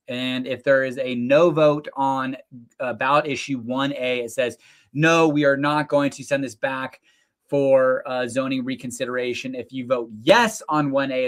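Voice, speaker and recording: A man's voice: mid-range voice, fairly bright tone. Chatty middle-aged man hosting a local show. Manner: rambling, conversational, frequent fillers and restarts. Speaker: local real estate show host. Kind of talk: casual live-stream monologue.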